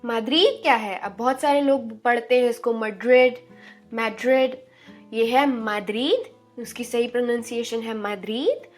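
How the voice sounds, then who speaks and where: A woman giving an online language lesson, drawing out each word slowly and asking the viewers questions. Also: on the high side, soft background music. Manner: slow, drawn-out spelling of each word; encouraging, asks questions to viewers. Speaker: language teacher.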